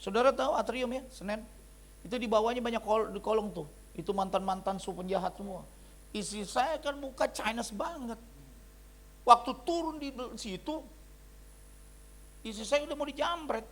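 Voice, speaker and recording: A middle-aged male pastor preaching a sermon, telling stories with sudden shifts between loud, excited bursts and quiet asides. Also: very high-pitched, moderate pace. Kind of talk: sermon with storytelling. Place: fellowship meeting hall.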